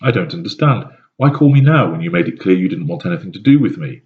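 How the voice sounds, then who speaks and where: A man's voice: deep voice, lively intonation, fast talker. A man voicing a hurt, wary woman who was once his partner, guarded and wounded, in a dull lo-fi recording.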